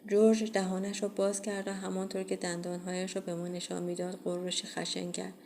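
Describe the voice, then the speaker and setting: Woman audiobook narrator, low voice, even and flat delivery, faint hiss behind. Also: creaky. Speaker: audiobook reader. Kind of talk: first-person horror audiobook narration.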